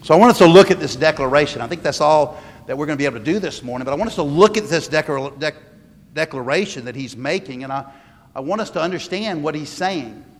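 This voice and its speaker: A man preaching a sermon with an emphatic delivery, often pausing and restarting phrases. His voice sits a little high for a man. A long reverb trails each phrase, as in a large church hall. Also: animated. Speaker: pastor.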